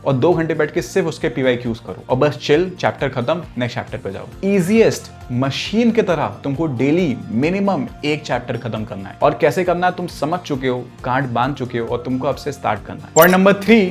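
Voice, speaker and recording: A man's voice: fairly high pitch, animated, fairly quick, few pauses, soft background music. A young man giving direct, motivational study advice to exam students, slipping English phrases into his talk. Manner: direct, coaching tone, mixes English phrases into Hindi. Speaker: exam prep mentor.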